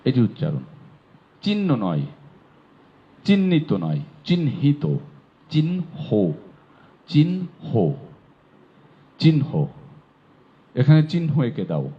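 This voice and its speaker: A man giving a pronunciation lesson, sounding out words slowly and repeating them with care. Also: mid-range voice. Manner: slow, drawn-out demonstration of sounds. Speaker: pronunciation teacher. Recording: dull lo-fi audio.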